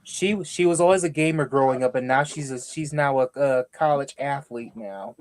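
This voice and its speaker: A man's voice: medium pitch, moderate pace. A man co-hosting a podcast, talking in easygoing casual chat.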